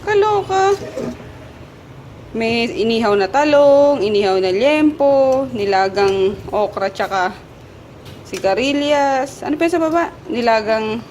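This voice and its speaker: High-voiced woman vlogging at home. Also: a little slow, a little mellow. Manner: chatty, coos at her pets in a sing-song baby voice. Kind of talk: casual home vlog. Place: family house, moving between rooms and stairs. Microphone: handheld compact camera. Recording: noisy home recording.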